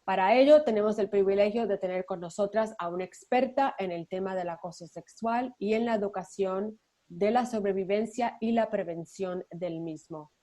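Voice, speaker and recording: A woman's voice: mid-range voice, normal speed, mellow. A woman hosting a podcast, introducing the episode and the guest in an upbeat way. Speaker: podcast host.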